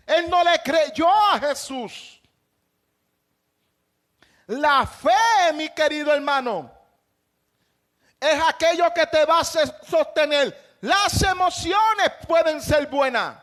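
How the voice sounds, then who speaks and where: A male pastor delivers a fervent sermon in a strikingly high-pitched voice. He drives his points home by raising his voice to a shout, then drops back to plain conversational preaching. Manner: impassioned preaching with shouted emphases.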